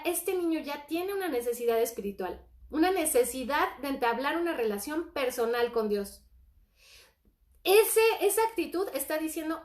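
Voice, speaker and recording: A middle-aged woman giving an earnest, animated Bible-based parenting talk, reading scripture aloud. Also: high voice. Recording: echoey room.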